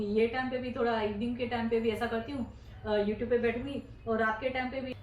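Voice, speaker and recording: A woman's voice: fairly high pitch, a little mellow, echoey room, slight background noise. A middle-aged woman from India chatting her way through a casual home vlog, rambling about her daily chores. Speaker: vlogger. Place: home interior.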